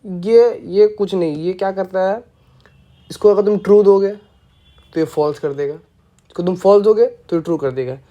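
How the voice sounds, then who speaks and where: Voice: medium pitch, moderate pace, warm tone, dull audio. A programming teacher giving a casual screencast lesson, playful and often checking that listeners follow along.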